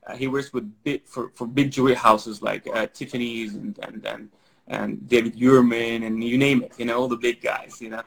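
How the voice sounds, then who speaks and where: Giving casual interview answers, a Syrian-raised man whose first language is Armenian rambles along with plenty of fillers and restarts. His voice is mid-range and steady with vocal fry, delivered at a normal speed on a rough recording.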